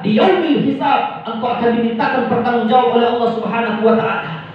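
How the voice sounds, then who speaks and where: A woman's voice: fairly high pitch, fast talker, very echoey, distant mic, lo-fi sound, a little hiss or hum, natural voice. A male preacher voicing a pious young woman risen from the dead, reproaching a grave robber in a sermon story. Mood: reproachful. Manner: reproachful, pleading.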